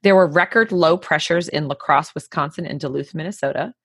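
Casual woman co-host, low voice, dry close sound, rambling storyteller. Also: fairly quick, fairly bright tone, slightly rough, no echo. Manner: chatty storyteller, many fillers. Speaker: podcast co-host. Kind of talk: casual chat.

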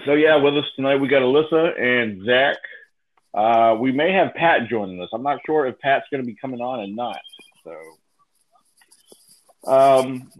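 A man's voice: mid-range voice, normal speed, long pauses. A man hosting a casual online call, hesitant and full of fillers, speaking into a laptop mic. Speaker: host of an online call show. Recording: dull lo-fi laptop audio.

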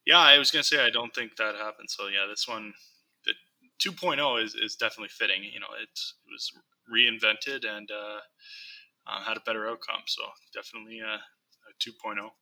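A young man co-hosting a casual sports podcast, speaking in a halting, deadpan way full of ums and restarts. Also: lowish voice, low-quality recording. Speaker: podcast co-host.

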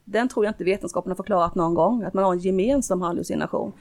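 A woman's voice: medium pitch, darkish tone. A middle-aged woman, a guest, telling a personal story earnestly in casual conversation, with frequent restarts. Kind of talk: casual interview talk.

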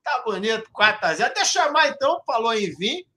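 A man hosting a casual live-stream football chat, loud and joking, swearing freely. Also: very high voice, very animated, fast, a loud crowd. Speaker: show host.

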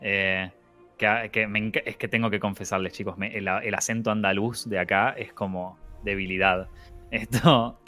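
Bright-voiced Argentine man chatting. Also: fairly low pitch, fairly even intonation, moderate pace, soft background music. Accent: Argentine Spanish. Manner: rambling, laughing, repeats words. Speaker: guest film youtuber. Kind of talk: casual chat on a livestream.

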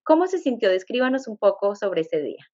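Interviewer, woman, mid pitch, polite and formal, lo-fi sound. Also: very animated, a little fast, dark tone. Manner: polite, formal, uses usted. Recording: dull lo-fi sound.

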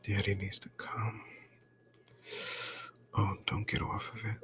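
A man doing an intimate whispered role-play right in your ear, breathy and coaxing, close to the mic. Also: flat delivery, slow pace, a bit bright, slight background noise. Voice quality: breathy, mostly whispered low voice.

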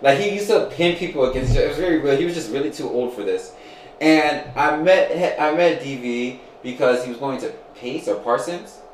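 A man in his twenties hosting a casual chat, animated, gossipy and joking. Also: a little high, a little fast, reverberant, a little hiss or hum, low-quality recording. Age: 20s. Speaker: podcast host.

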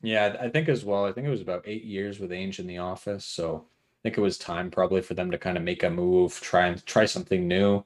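A man's voice: low-pitched, steady tone, a little fast. A man hosting a casual sports podcast, easygoing and jokey, steering the talk with questions to his co-host.

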